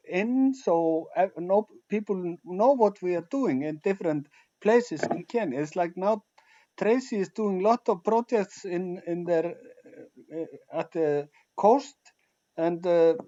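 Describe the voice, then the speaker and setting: A man from Iceland, hosting an online meeting over a video call and talking haltingly as he searches for his words. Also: high voice, warm tone. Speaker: meeting host. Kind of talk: casual online meeting talk. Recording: muffled video-call audio.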